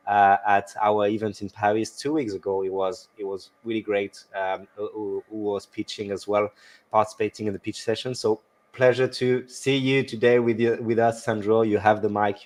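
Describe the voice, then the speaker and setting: Man hosting livestream, lowish voice, halting, lots of fillers. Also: a little mellow. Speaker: livestream host. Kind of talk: livestream introduction.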